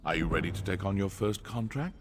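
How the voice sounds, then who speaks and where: A man's voice: deep voice, lively intonation, fairly quick, a little hiss or hum. An actor playing a stern, condescending male assassin trainer, dry and impatient, in video game dialogue. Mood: sardonic. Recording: game audio with faint music.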